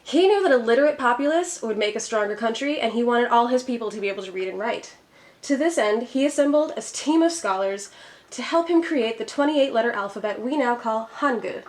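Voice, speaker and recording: In an upbeat, friendly scripted lesson, a Korean tutor from Minnesota, USA, speaks with a slightly high, expressive voice at a brisk pace. She is a native English speaker.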